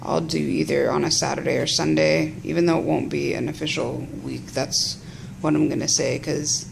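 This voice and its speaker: A woman with a heavily creaky, gravelly voice rambles through a casual personal vlog. She talks in a halting way, stopping and picking up again. The phone recording has clearly audible noise around her. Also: deep voice, fairly even intonation. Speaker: patient vlogging after surgery.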